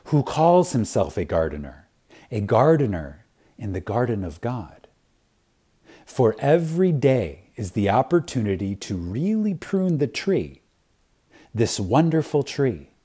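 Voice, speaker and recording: Reverence and drama mark this man's reading of an uplifting spiritual lecture, which he stretches with long pauses and punches with strong emphasis. The voice is mid-range, mellow, and husky.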